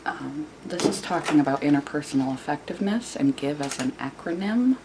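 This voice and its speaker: Clear background noise surrounds a woman talking quietly and hushed, as if at night beside a sleeper. Her voice is low and creaky, and she offers informal self-help advice to viewers in a halting way, repeating words for emphasis. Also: animated. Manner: hushed, quiet whispering so as not to wake someone. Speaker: video channel host. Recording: clearly noisy room recording.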